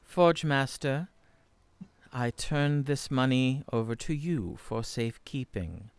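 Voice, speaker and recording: A man voicing a formal council leader who speaks in measured, ceremonial phrases. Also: medium pitch, clear, resonant tone, dry recording, close to an everyday voice. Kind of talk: tabletop role-play voice.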